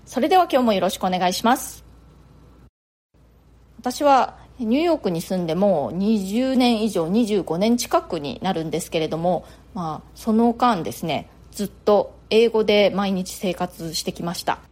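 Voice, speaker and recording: A middle-aged woman with a Japanese accent talks casually to her podcast listeners. Her delivery is chatty and loose, sprinkled with filler words, at a middle pitch. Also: lively intonation, moderate pace, darkish tone. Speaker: podcast host.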